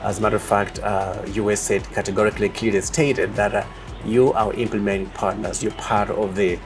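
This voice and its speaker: A man from Uganda answering interview questions as a project leader, speaking in a measured way with many pauses and fillers. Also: on the low side, level tone, faint music behind.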